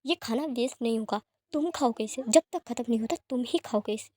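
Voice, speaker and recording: A woman voicing an anxious, excitable young man who frets over his missing child and scolds over breakfast. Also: a little high, a little fast, close to an everyday voice. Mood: indignant.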